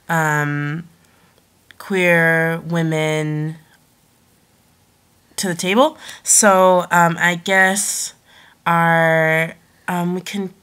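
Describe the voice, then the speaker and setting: Young female podcast host, nasal whine from a head cold, unhurried and low, casual and hesitant. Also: fairly bright tone, clear, resonant tone. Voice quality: nasal, congested. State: congested from a cold.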